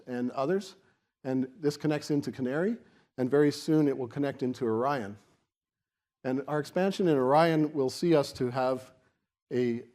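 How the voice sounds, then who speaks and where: A man giving a semi-extemporaneous podium speech as a keynote speaker, explaining in a halting way with repeated restarts. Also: medium pitch, a little mellow. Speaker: keynote speaker for a technology organisation.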